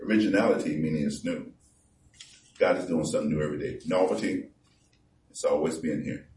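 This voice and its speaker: A man preaching a conversational sermon, reading scripture slowly and with emphasis. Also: extremely low pitch, a little mellow, a little hiss or hum. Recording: echoey room from far off.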